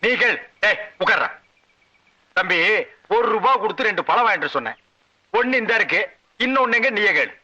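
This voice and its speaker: Bossy short-tempered troupe leader. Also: male voice, sits high, animated, a little fast, pauses often, no room sound, dull audio, exaggerated voice. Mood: exasperated. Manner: loud, scolding, sarcastic. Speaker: leader of a folk dance troupe. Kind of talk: 1980s film comedy dialogue.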